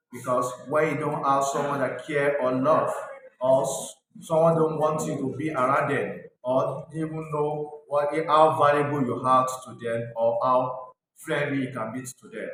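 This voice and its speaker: A man's voice: medium pitch, fairly bright tone. A Nigerian man earnestly telling his life story as an interview guest, speaking plainly. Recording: echoey room, distant mic, crowd noise.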